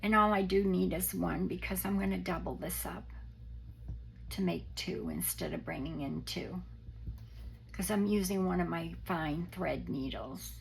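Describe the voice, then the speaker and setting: A woman hosts a casual craft tutorial in a hoarse, deeply crackling voice that frays into a papery whisper. She sounds unwell and goes slowly and gently, pausing to think aloud. There is noticeable noise behind her. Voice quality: croaky, breaking into papery whisper. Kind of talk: casual step-by-step craft demonstration.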